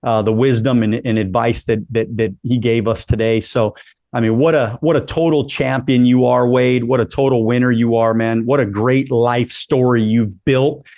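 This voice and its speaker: A man's voice: mid-range voice, steady tone, normal speed, a little mellow, dry recording. A man in his late forties hosting a casual interview, upbeat and encouraging, often repeating himself as he talks. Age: 40s. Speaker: podcast host.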